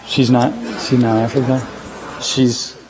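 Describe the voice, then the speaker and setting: A man's voice: medium pitch, slow pace, a little hiss or hum. A man leading a class discussion in a large lecture hall, quizzing students with a handheld mic. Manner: quizzing, energetic questioning. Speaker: class instructor.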